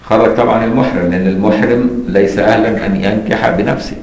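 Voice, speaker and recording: A fairly low-voiced man with an Egyptian accent teaches jurisprudence in a casual, explanatory way. He checks in with his students again and again. The room around him rings with echo. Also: steady tone, fast talker, a little mellow. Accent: Egyptian Arabic. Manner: explains in colloquial asides and keeps asking "got it?". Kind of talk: classroom lesson on a legal text.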